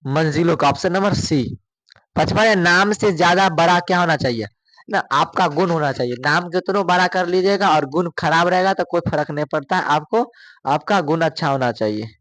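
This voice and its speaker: A man teaching, his voice pitched a little high. He reads out multiple-choice questions, repeats them and prompts students to answer. The sound is close and dry. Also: moderate pace, fairly bright tone, no echo. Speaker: exam coaching teacher. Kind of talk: exam question walkthrough.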